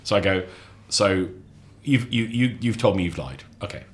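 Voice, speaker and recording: A man chatting as a podcast guest, lively and animated, often repeating and restarting his words. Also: moderate pace, slight background noise. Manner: animated storyteller, acts out quotes with sudden high voices. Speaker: lecturer. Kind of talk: casual chat.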